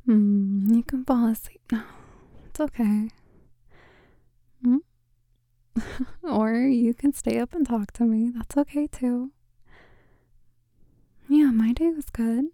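A young woman in a soft, tender ASMR girlfriend roleplay, whispering and speaking gently into a close microphone with quiet laughs. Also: no echo. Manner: soft, breathy whispering mixed with gentle low speech. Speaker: ASMR creator.

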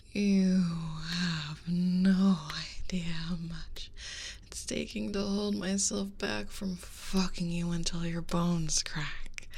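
A woman voicing a hungry, possessive female dragon in a whispered audio roleplay, slow and predatory. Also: fairly low pitch, a little mellow.

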